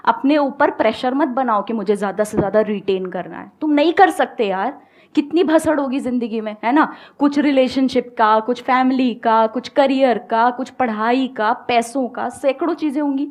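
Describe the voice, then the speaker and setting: Calm, high-voiced woman coach. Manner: calm and reassuring, mixing Hindi and English. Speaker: speaker and communication coach. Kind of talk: motivational stage talk with audience questions. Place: on a stage before an audience.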